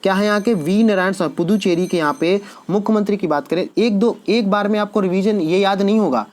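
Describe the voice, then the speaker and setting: A male teacher giving an exam-prep lecture. He poses quick quiz questions to his students and answers them himself. He repeats each key answer so it sticks. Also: sits high, a little mellow.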